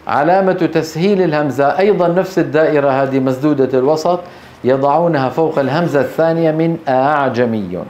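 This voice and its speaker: A middle-aged man, teaching a classroom lesson on Quran recitation rules, explaining step by step and quizzing his students with quick questions. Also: on the high side, a little mellow, lo-fi sound. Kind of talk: classroom lecture on tajweed.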